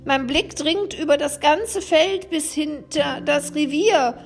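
Brief: a helpful vulture who croaks and calls loudly from above, put on by a woman, high voice. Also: slow pace, soft background music. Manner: croaking cries, calling out. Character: kindly male vulture calling from a tree.

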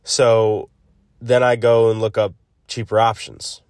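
A man hosting a casual solo devotional podcast, thinking aloud haltingly, recorded on a phone's built-in mic instead of a proper microphone. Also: lowish voice, flat delivery, a little mellow, smooth, no room sound. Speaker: podcast host. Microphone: built-in phone mic, no separate microphone. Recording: close, dry phone recording.

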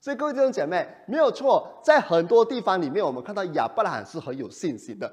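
Man, pastor, sermon, fairly high voice, rhetorical questions. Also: fast talker. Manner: animated, asks the congregation rhetorical questions.

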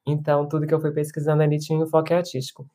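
Woman in her 30s, low mellow voice, a reflective musician interviewee. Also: completely flat delivery, very fast. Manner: reflective, with many restarts and tag questions. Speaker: musician and performer being interviewed. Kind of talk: casual interview talk.

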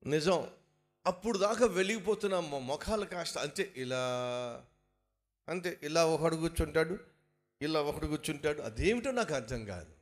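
A man's voice: on the high side, moderate pace. A man preaching a sermon, firing rhetorical questions and acting out the words of biblical figures. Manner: animated, rhetorical questions, acts out biblical speakers. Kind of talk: Telugu sermon.

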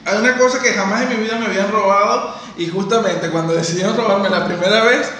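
A man's voice: sits high, fast, pushed and bright. A man from Venezuela hosting a podcast interview, chatting in a friendly, conversational way. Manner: friendly, conversational, asks long questions. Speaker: podcast host. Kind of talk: casual interview. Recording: roomy distant echo, faint noise.

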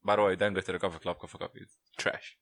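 Twenties male podcast co-host, low-pitched, easygoing chat with lots of laughs. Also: flat delivery, racing, creaky, fairly bright tone. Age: 20s. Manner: laid-back, laughs often, says "bro" and "you know". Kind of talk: casual chat.

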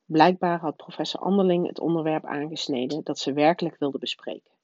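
A woman reading a children's novel aloud in a soft, low-key narrating voice. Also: a little fast, no echo. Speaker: reader. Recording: dull, dry lo-fi recording.

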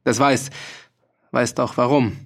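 A man's voice: medium pitch, fairly even intonation, takes it slowly. A man voicing a cheerful, roguish male mercenary with a dialect, jovial and teasing. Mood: mocking cheerful. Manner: jovial, teasing, bursts of laughter.

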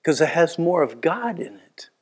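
A man in his sixties softly voicing his very old grandmother, slow and dreamy, her mind wandering. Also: on the high side, lively intonation, vocal fry, husky, heavily acted.

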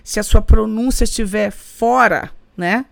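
Woman teacher explaining stuff step by step, gravelly voice, dry close sound. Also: medium pitch, a little slow, no echo. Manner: didactic, with checking tags. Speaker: English pronunciation teacher. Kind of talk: explanatory interview answer.

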